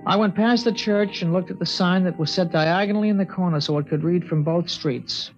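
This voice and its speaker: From a dull old recording of a 1950s radio drama, an actor narrates as a thoughtful, earnest teenage boy. His high-pitched voice moves briskly, and the mood is somber and reflective over soft background music.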